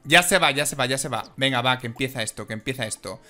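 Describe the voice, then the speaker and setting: A man giving casual, excitable and emotional commentary on a life-simulation game. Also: mid-range voice, fast, faint music behind. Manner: excitable and emotional, exclaims and giggles. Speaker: gaming video host.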